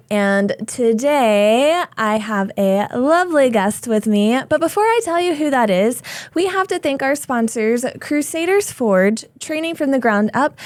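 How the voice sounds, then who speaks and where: Lively upbeat woman podcast host. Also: sits high, no room sound. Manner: upbeat, chatty, many yeahs. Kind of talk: casual podcast interview.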